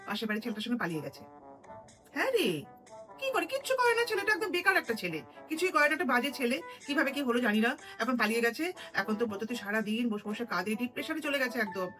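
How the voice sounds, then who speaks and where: A woman's voice: a little high, sing-song, rapid-fire, bright, forceful tone, soft background music. A middle-aged woman doing a chatty, gossipy comic monologue as a mother talking to friends on a call, with sudden scolding bursts. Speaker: comedy video creator.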